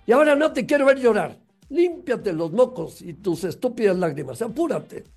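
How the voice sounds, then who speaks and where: A man voicing an angry mother harshly yelling insults at her small daughter. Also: sits high, brisk, faint music behind. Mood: furious scolding.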